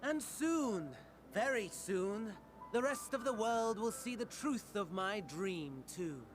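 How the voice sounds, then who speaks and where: A scheming video game villain with a high, mannered voice. He is courtly and mocking, savoring formal phrases with dramatic pauses while music plays clearly behind him. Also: animated. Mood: morbid reverie. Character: scheming theatrical male villain, courtly, mocking, morbidly delighted.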